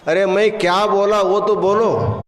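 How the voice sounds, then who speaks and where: A man's voice: sits high, steady tone, a little slow, pitched above the performer's own voice. A man voicing a stocky, demanding male guru who insists on giving initiation, in a sermon story. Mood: insistent. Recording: echoey hall, faint noise.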